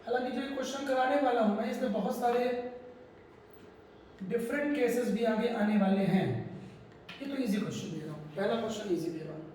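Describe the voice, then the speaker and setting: A man teaches physics in a high, bright voice, teasing and prodding his students. He sounds far from the mic in a hall with long reverb and a faint background hum. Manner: joking, coaxing students with quick questions. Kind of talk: classroom lecture. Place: classroom. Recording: echoey classroom, distant mic, faint hum.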